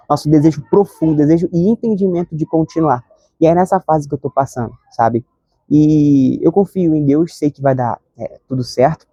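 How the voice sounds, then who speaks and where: A man's voice: on the high side, mellow, husky, dry recording, dull audio. A man, giving an earnest, conversational devotional reflection and often asking "sabe?". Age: 20s. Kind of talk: reflective devotional talk to camera.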